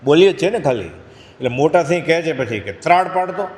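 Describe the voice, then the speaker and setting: In a long, reverberant hall, a man gives a devotional talk built around a parable, voicing the lions himself. His delivery is brisk and sing-song, his voice a little high with a darkish tone.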